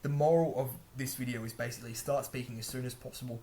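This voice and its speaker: Brief: male vlogger, mid-pitched, talks fast and loose with lots of restarts, casual advice monologue. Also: fairly even intonation, mellow, slight background noise. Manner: rambling, chatty, frequent restarts and self-corrections. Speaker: language-learning vlogger. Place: a room indoors.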